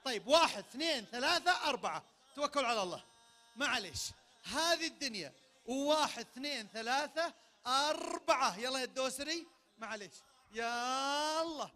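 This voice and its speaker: Saudi man, event game host, handheld mic; very high, piercing voice, lively and commanding. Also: normal speed. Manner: energetic, barks sudden commands. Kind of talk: leading a party game for a crowd. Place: large event tent. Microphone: handheld microphone.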